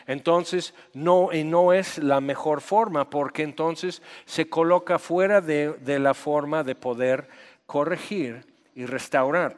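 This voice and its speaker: A man's voice: a little high, in a large hall. A man from the United States with an American accent, preaching a direct, conversational sermon in Spanish as a pastor and acting out quoted dialogue.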